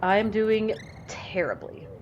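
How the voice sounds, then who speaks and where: A woman's voice: mid-range voice, a little slow, darkish tone. A woman commentating while playing a game, mumbling and critical of herself. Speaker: gaming channel host. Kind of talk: let's play commentary. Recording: slightly muffled with game music.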